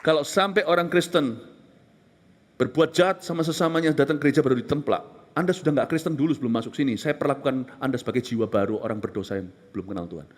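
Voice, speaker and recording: A man preaching a passionate sermon, moving between raised exclamations and hushed, whispered moments. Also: medium pitch, rapid-fire, soft background music. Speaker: pastor.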